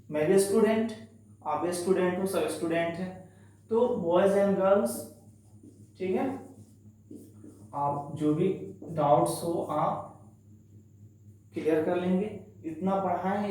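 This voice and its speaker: Chatty teacher in a very echoey room. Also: male voice, high voice, warm tone, far from the mic. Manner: chatty, reassuring, repeats key words. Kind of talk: online classroom lesson. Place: echoey classroom, writing on a board.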